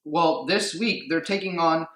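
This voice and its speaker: A man with a Mexican-American English accent co-hosting a casual sports radio show from home, chatty, excitable and joking. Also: on the high side, a little slow. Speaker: co-host. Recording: echoey room.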